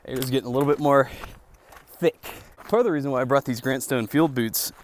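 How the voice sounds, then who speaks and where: A man's voice: medium pitch, fairly quick. Man rambling casually, with noise behind him. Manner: informal, reflective, thinks aloud. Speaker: vlogger and boot reviewer. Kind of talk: casual rambling vlog talk. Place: outdoors on a mountain hiking trail.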